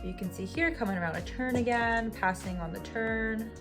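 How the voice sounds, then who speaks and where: Over music, a woman in her twenties, a runner and vlogger, looks back candidly on a race that disappointed her. Her voice is a little high and her pace normal, and she sounds self-critical and conversational.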